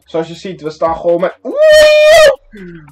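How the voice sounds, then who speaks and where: Excitable young gamer man, lively pitch. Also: moderate pace, heavy background noise. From Netherlands. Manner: excitable, slangy, sudden yelps and shouts. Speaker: gaming streamer. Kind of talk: live gameplay commentary.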